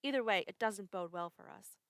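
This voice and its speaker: A woman's voice: mid-range voice, a little fast, no room sound, studio quality, close to an everyday voice. A woman voicing a young man who speaks ominously, cold and secretive.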